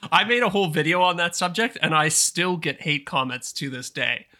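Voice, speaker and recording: Podcast co-host, man from Canada, fairly high and very bright voice, chatty and quick to laugh. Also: expressive. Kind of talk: casual chat.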